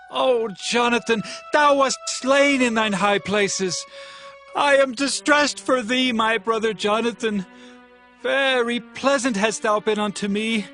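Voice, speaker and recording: A man's voice: high-pitched, a bit bright. An actor playing a solemn, impassioned king of ancient Israel in a dramatized audio Bible. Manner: solemn, impassioned, archaic declamation. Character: David, grieving and commanding warrior king of Israel. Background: music.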